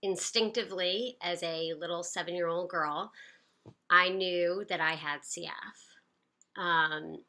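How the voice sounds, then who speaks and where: Speaking slowly and steadily, a fairly low-voiced American woman in her late thirties shares a personal story to camera. Her tone is bright and forceful, and her chatty, upbeat delivery is packed with fillers.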